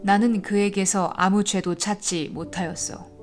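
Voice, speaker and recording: A woman's voice: mid-range voice, steady tone, unhurried, close to an everyday voice. A woman voicing a stern, uneasy Roman governor who speaks firmly and raises his voice to press his questions. Faint instrumental music sits under this dramatized scripture reading. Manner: firm, raised, questioning delivery. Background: soft instrumental music.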